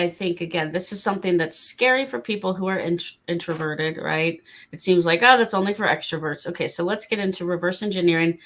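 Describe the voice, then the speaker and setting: A woman's voice: lowish voice, fairly bright tone. A woman interviewing as host in an informal way, thinking aloud and reflecting points back. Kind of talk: conversational interviewing.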